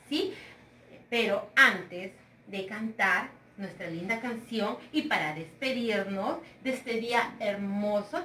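A woman's voice: a little high, a bit bright, echoey room, distant mic, a little hiss or hum. A woman teaching a remote lesson to young children, sweet, sing-song and coaxing. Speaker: preschool teacher.

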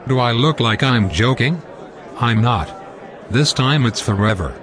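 A man's voice: mid-range voice, expressive, unhurried, a crowd in the background, natural voice. A male text-to-speech voice playing a curt, insulting government official. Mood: harsh.

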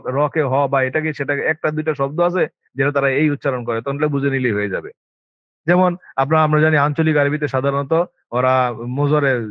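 A man with a Bangladeshi Bengali accent lectures students in an emphatic, insistent way and keeps asking them rhetorical questions. His voice sits fairly high for a man. The sound is dry and dull, like a lo-fi recording. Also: no room sound. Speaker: Arabic language teacher.

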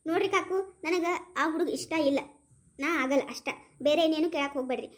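A woman's voice: high voice, fast, natural voice. A woman voicing a stubborn young woman who refuses an arranged match, in a North Karnataka Kannada accent. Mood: defiant. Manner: defiant, mocking. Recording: roomy echo.

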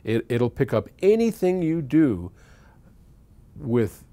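His mid-range voice is warm, sing-song and slow. The speaker, an American audio company founder in his sixties, sits indoors in an electronics workshop answering listener questions on camera, informal and opinionated, breaking his speech into start-stop phrases.

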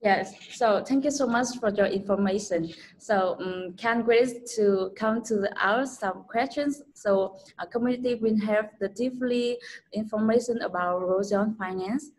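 A woman's voice: mid-range voice, a little mellow, slight background noise. Young woman hosting a video interview. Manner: slow, careful second-language English. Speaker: interview host. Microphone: video call webcam.

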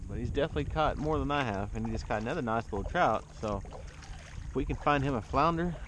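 A man's voice: medium pitch, quick pace. A man hosting a fishing vlog, talking casually and jokingly while paddling a kayak outdoors, recorded on an action camera. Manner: relaxed, joking banter. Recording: wind and water noise outdoors.

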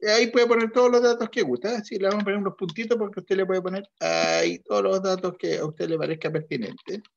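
Man as methodical accounting teacher, slightly high. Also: steady tone, fast talker, vocal fry, dull audio, slight background noise. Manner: questioning students, patient and methodical. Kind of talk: online class lecture.

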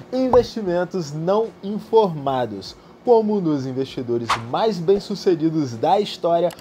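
A Brazilian man hosting a finance channel, reading a scripted list evenly and breaking into quick, chatty asides to viewers. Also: a little high, warm tone, a little hiss or hum. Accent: Brazilian Portuguese. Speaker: YouTube finance channel host.

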